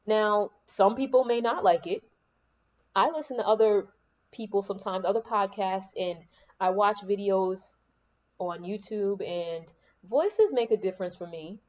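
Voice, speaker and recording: A woman, a podcast host and spiritual coach, delivers a spiritual motivational monologue in a soothing, calming, medium-pitched voice, speaking unhurriedly and reflectively and repeating key lines for emphasis. She records on a laptop microphone in a room at home with the air conditioning on. The sound is lo-fi.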